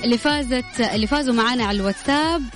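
A woman hosts a radio quiz in an informal, chatty way, announcing and congratulating winners. Her voice sits fairly high and she speaks at a rapid clip over loud music. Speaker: radio quiz show host. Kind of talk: live radio contest hosting, congratulating winners.

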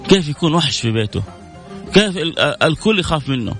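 A man's voice: a little high, sing-song, quick pace, fairly bright tone, soft background music. A man hosting a radio call-in show, giving earnest family advice and reading out listener messages.

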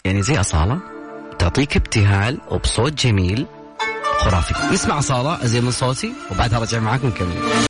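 A man hosting a radio call-in quiz, teasing callers in a rapid, playful way. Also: mid-range voice, expressive. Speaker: radio quiz show host. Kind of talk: lively call-in radio banter. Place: radio studio. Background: background music bed.

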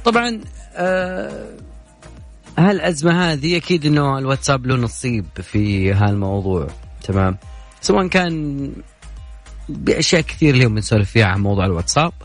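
A young Saudi man hosts a late-night radio show in a studio, talking quickly and playfully as he chats and reads out messages. His voice sits at an ordinary middle pitch, and soft music plays faintly underneath. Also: animated. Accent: Saudi Gulf Arabic. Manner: chatty, joking, reads listener messages aloud. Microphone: studio microphone.

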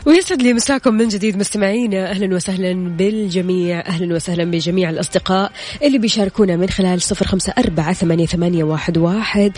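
A woman's voice: lowish voice, very fast, a little mellow. A woman with a Saudi accent hosting a live radio show, announcing prizes and winners in an upbeat presenting style. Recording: radio broadcast with music behind. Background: music.

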